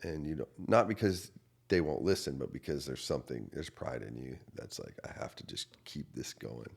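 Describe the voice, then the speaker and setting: A man in his thirties, a pastor, earnestly telling a personal story in a podcast interview, going from quiet to loud. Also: very deep voice, moderate pace, vocal fry, breathy edge. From United States. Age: 30s. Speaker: associate pastor.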